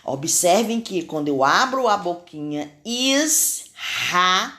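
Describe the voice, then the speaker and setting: A woman's voice: on the low side, very animated, drawn-out words. A woman teacher with a Brazilian Portuguese accent, giving a recorded spelling lesson to children and carefully sounding out letters and syllables.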